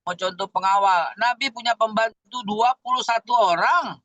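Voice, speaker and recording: A man preaching in an animated, slangy way with speech, firing off rhetorical questions. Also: high-pitched, moderate pace, dry recording. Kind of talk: sermon.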